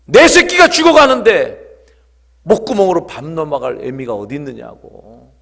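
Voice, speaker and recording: A man's voice: fairly high pitch, lively intonation, normal speed, gravelly, a bit bright, voice pushed up, heavily acted. A man voicing a desperate Korean mother who bursts out at her son during a sermon story. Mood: fierce. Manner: fierce scolding outburst. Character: desperate fasting mother, fierce and tearful.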